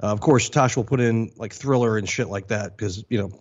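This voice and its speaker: A man's voice: fairly low pitch, fairly quick, muffled recording. A man co-hosting a podcast, rambling through stories in casual chat and chuckling often. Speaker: podcast co-host.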